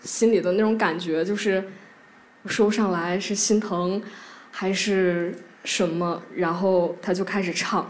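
A woman, telling a personal story to a live audience, halting and emotional, many restarts and repeated words. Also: medium pitch, steady tone. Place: theatre stage.

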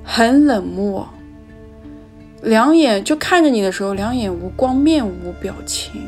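A woman's voice: on the high side, expressive, measured pace, darkish tone, soft background music. A woman telling her own personal story in a reflective, candid and emotional way.

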